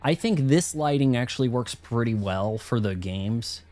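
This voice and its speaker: A man giving casual, slangy commentary as he plays a game, rambling and thinking out loud. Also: medium pitch, expressive, normal speed. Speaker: video game streamer. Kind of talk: casual first-playthrough commentary.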